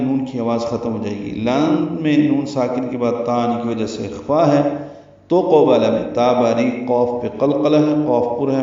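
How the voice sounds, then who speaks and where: A man's voice: medium pitch, warm tone. Man teaching recitation in an echoey room. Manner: slow, methodical explaining with chanted recitation. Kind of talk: tajweed lesson. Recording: very echoey, distant, dull sound.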